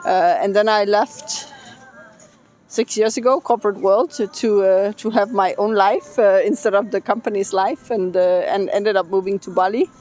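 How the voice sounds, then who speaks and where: A middle-aged woman from Denmark, a business consultant, answering interview questions thoughtfully with many pauses and fillers, outdoors by the beach. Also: mid-range voice, fairly even intonation, darkish tone. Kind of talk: casual interview.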